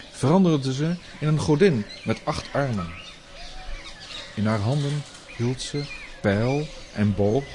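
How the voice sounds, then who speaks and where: A man narrating a storybook tale in a measured, deliberate reading. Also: medium pitch, background noise.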